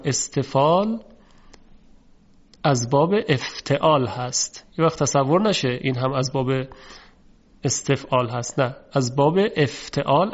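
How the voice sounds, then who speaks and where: A man giving a tajweed lesson, explaining letter sounds and demonstrating them with slow, drawn-out pronunciations. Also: fairly high pitch. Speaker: Quran recitation teacher. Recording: dull lo-fi recording.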